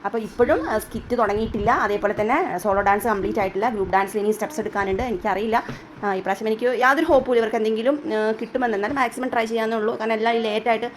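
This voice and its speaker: A woman's voice: a little high, steady tone, rapid-fire. A woman who teaches dance speaks in a casual vlog and sounds weary and stressed. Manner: weary, stressed, talks about her struggles. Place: at home. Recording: loud background noise. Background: children crying at home.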